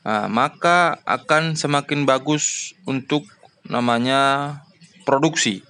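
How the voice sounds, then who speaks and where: A man's voice: mid-range voice, takes it slowly, sharp tone. A man explaining a farming lesson to farmers, with frequent fillers and rhetorical questions. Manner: addresses farmers as "Bapak Ibu", frequent "ya" and "namanya" fillers. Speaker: farming channel host.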